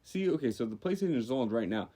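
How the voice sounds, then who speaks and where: A young man from Louisiana co-hosting a podcast, telling stories in casual chat and jumping up in pitch for emphasis. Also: fast. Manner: animated storytelling, jumps up in pitch for emphasis. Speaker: podcast co-host.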